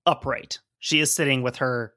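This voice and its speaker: A man's voice: mid-range voice, fairly even intonation, moderate pace, sharp tone, dry recording, clean studio sound. A man co-hosting a podcast, reading from a report and chatting casually with lots of fillers. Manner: conversational, hedging with fillers while explaining. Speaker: podcast co-host.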